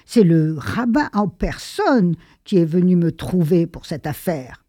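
A woman's voice: on the low side, animated, unhurried, warm tone, no room sound, studio quality. A woman voicing a naive, earnest young woman in a read-aloud story. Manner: earnest, indignant.

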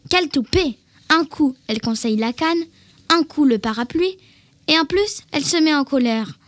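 A woman's voice: high-pitched, expressive, moderate pace, dry recording. A woman reading the part of a fussy, indecisive old man in a plain reading voice. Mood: fussing.

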